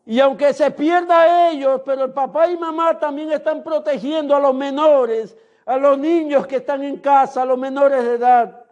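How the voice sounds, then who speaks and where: Male pastor, very high voice, slow emphatic sermon delivery, dull lo-fi recording. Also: fairly even intonation. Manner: slow, emphatic preaching, sometimes rising to a shout.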